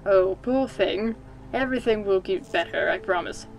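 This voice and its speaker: A woman's voice: medium pitch, normal speed, vocal fry, soft background music, natural voice, low-quality recording. A woman playing a condescending male asylum doctor in a put-on British accent, with a clipped, patronizing bedside manner.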